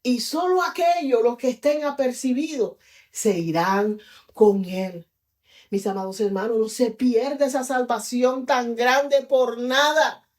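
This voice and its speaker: A woman's voice: on the high side, a little slow. A woman preacher delivering a fervent sermon, telling stories and calling on her listeners to seek their miracle. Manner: fervent, storytelling preacher voicing scenes.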